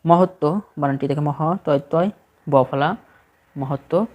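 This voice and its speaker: A man's voice: a little high, a little slow, darkish tone, muffled recording. A man with a Bangladeshi Bengali accent reads a spelling list aloud for exam prep, steadily correcting each word in short phrases.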